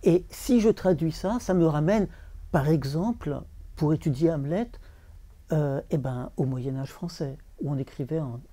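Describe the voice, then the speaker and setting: A man talking as a literary translator before an audience, halting, repeating words and chanting verse rhythms. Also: fairly high pitch, dark tone. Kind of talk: bookshop talk with audience.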